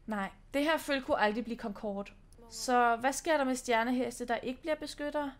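A woman's voice: a little high, close to an everyday voice. A woman reading the lines of a wise, solemn druid woman from a horse game.

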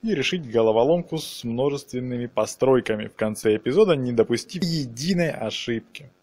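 Fairly quick and animated, this let's player walks viewers through his game in slang-laden, diminutive-rich language. His medium-pitched voice sounds a little mellow and slightly rough.

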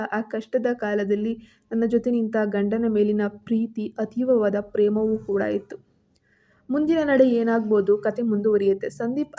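A woman's voice: a little high, dark tone. A woman narrating a serialized audio story and reading every character's lines in her own voice.

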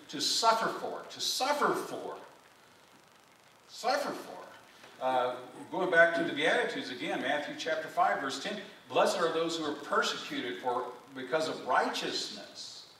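A male pastor preaching a sermon, animated, with rhetorical questions and repeated phrases, recorded from a distance in a church. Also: a little high. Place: church sanctuary. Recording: echoey church from a distance, faint room noise.

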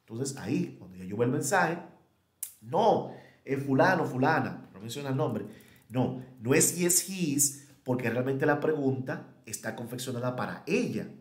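A man's voice: mid-range voice, animated, moderate pace. A man giving a recorded online English lesson, thinking aloud, correcting himself and modeling question intonation. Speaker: English teacher. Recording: echoey room.

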